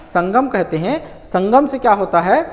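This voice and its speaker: A man teaching a grammar lesson in a very animated voice that climbs and dips widely. He keeps asking questions and answering them himself, and he repeats key words slowly. His voice rings with a long reverb, as if recorded in a bare hall. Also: high-pitched.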